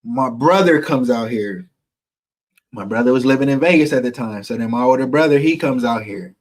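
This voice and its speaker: A man's voice: mid-range voice, expressive, normal speed. A man vlogging a personal story to viewers, candid and emotional, swearing freely.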